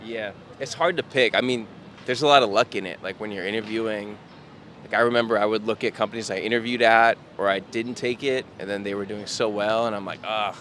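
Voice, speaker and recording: A laid-back man in his thirties hosts a casual street interview. His voice sits a little low and is full of easy fillers. Faint city traffic hums around him. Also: fairly even intonation, fairly quick, a bit bright. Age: 30s. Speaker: podcast host.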